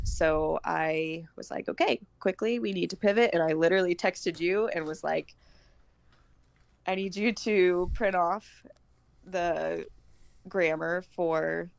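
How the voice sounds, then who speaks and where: An American woman in her thirties, a homeschooling mother, chats informally as a podcast guest, feeling her way through her thoughts as she goes. Her voice sits on the low side with vocal fry, and the recording is dry.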